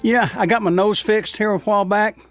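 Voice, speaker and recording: A man's voice: high voice, steady tone, a little fast. A male radio host with a Texan accent chats casually, mumbling loosely as though his mouth is numb. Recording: music behind the voice.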